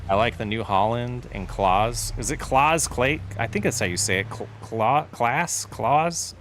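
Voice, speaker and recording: In a mid-range, slightly bright voice at normal speed, a man chats casually with his audience while streaming a farming game. He rambles through replies to chat questions as faint game vehicle noise plays behind him.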